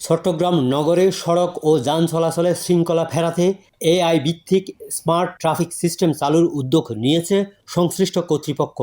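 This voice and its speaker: A man reads a television news report in a steady, formal voice-over. His voice is a little higher than usual for a man.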